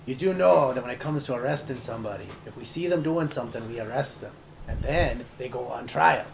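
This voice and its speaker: A brusque, condescending castle guard, as a man puts him on in a tabletop game. The voice is gravelly and dismissive, with faint noise behind it. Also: medium pitch, a little fast, lightly acted, low-quality recording.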